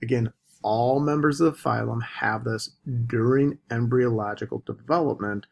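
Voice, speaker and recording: A man teaching a recorded biology lecture, deliberately stressing the key terms. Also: medium pitch, creaky. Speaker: biology instructor.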